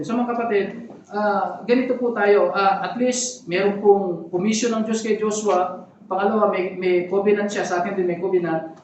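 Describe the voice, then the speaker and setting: A pastor giving a sermon, talking conversationally with frequent asides to the congregation. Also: male voice, sits high, slight background noise. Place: church hall. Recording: echoey hall from far off.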